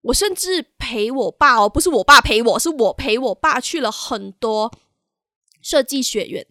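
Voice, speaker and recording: A young woman co-hosting a podcast, telling a personal story in a halting, candid way and slipping into English phrases now and then. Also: on the high side, animated, sharp tone, no echo, studio quality. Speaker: podcast co-host.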